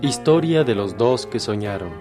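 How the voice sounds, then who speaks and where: Slow, solemn male storyteller. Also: medium pitch, animated, over loud music. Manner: slow, measured, solemn reading. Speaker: narrator. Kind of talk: scripted story reading.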